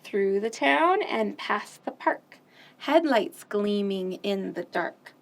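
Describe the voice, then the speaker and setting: Medium-pitched and creaky, a woman slowly reads picture books aloud and sings nursery songs during a children's storytime. She's animated and sing-song, using loud, playful sound effects.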